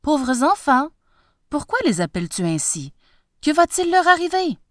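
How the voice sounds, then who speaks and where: A woman's voice: high voice, sing-song, moderate pace, a bit bright, no room sound, clean studio sound, voice pushed up. A woman voicing a bold, eager young prince, earnest and impassioned.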